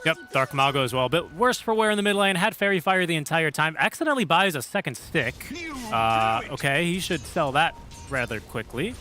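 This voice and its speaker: A man's voice: a little high, expressive, a little fast, pushed and bright, faint music behind. A man casting a live esports match, chatty and teasing his co-caster. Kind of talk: live game commentary.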